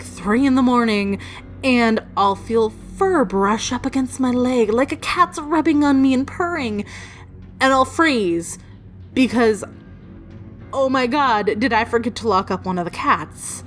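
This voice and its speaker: This woman's voice is on the high side and a little slow as she tells personal stories for her storytelling videos over background music. Her delivery is chatty, meandering, and playfully emphatic.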